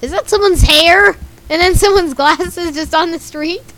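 Her voice is very high-pitched and fairly bright, delivered at a measured pace with a slight scratchiness. She's a young gaming YouTuber offering casual, giggling commentary, reading the on-screen chat aloud and reacting as she goes.

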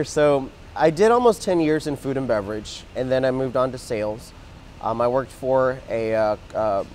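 Outdoors in a garden plaza, a lapel mic captures a casual interview with a man in his thirties, born in Mexico and raised in Texas, who earnestly tells his story. He talks with his hands and keeps restarting, in a mid-range, slightly mellow voice. The audio is poor, with a little hiss or hum.

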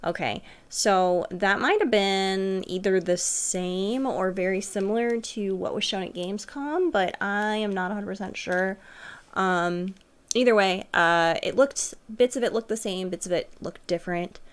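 A young adult woman streams from a small furnished room at home, offering her viewers casual, rambling reaction commentary. Her voice is medium-pitched and smooth, with a measured pace.

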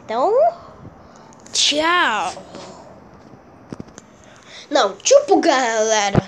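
A woman's voice: high voice, expressive, very slow, a little hiss or hum. A woman with a Brazilian accent vlogging casually at home, dramatic and exclaiming, repeating words for effect. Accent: Brazilian Portuguese. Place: at home, moving between rooms and garage.

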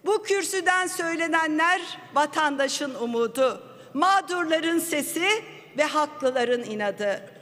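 A woman's voice: high-pitched, fairly bright tone. A woman member of parliament giving an impassioned, accusatory speech at a rostrum microphone in a large chamber, repeating her phrases for force. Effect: speaking at a rostrum microphone. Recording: long reverb of a large hall.

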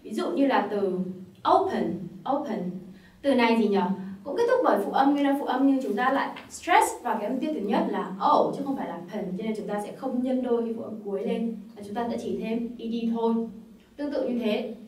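A woman's voice: a little high, fast talker, a little mellow, echoey room, recorded from a distance, low-quality recording. A woman with a Vietnamese accent teaching English grammar, explaining patiently step by step with repeated examples. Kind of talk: classroom-style grammar lesson.

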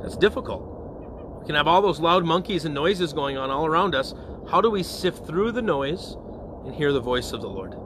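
A male parish priest speaking in a slightly high voice, with a faint hum of noise in the background. He gives a relaxed evening prayer reflection and often pauses to check in with his listeners. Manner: conversational, often checks in with "okay?" and "all right?".

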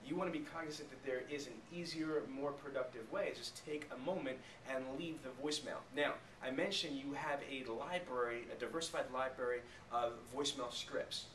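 A man in his thirties speaks briskly with few pauses, his mid-range voice a bit bright. Leading an emphatic sales training talk for a small group, he keeps stopping for rhetorical check questions. He's in a small meeting room with a flip chart, recorded by a camera mic a few metres away that picks up echo and faint noise.

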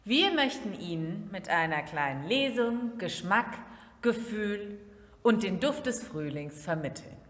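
A woman's voice: medium pitch, expressive, a little slow. A woman reading spring poems as a guest reader, lilting and emphatic. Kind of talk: slow, expressive poetry recitation. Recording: echoey room with long reverb.

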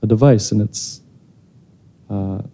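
A thoughtful man in his thirties answers audience questions after a film screening, often restarting his sentences. His voice is very dark and low, with an even, unvaried pitch, heard through a handheld mic on a theater stage. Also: takes it slowly. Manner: thoughtful, hesitant, many restarts. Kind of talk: post-screening Q&A.

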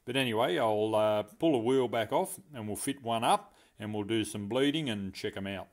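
This is a how-to narration by a middle-aged home mechanic who is restoring a car and explaining a brake repair in his garage workshop. He speaks at normal speed in a lowish voice, keeping it casual and practical and using lots of fillers.

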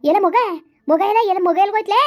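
A woman playing a village woman who questions and scolds in quick bursts. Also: very high-pitched, dark tone. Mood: scolding. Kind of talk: village skit acting.

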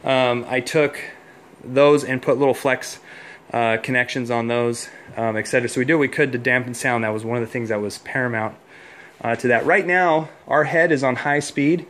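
A man's voice: mid-range voice, fairly even intonation, moderate pace, a bit bright, slight background noise. A man who installs heating and cooling, giving a casual hands-on walkthrough indoors in a home, explaining as he goes with plenty of fillers.

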